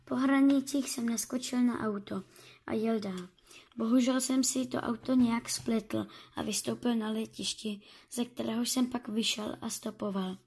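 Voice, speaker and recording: A woman reading a first-person story aloud, halting and correcting herself as she goes. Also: on the high side, steady tone, creaky, a little mellow, breathy edge.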